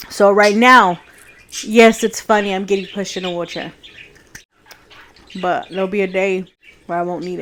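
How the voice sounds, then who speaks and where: A woman's voice: medium pitch, a little hiss or hum. A woman talking earnestly in a personal vlog, reflective and heartfelt, with a few laughs. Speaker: vlogger sharing a faith journey.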